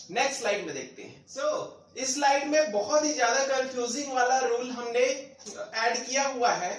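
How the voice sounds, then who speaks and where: A man teaching English pronunciation rules from slides, spelling letters out one by one and mixing English terms into his Hindi explanation. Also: extremely high pitch. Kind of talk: slide-based phonics lesson. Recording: echoey room, voice from a distance.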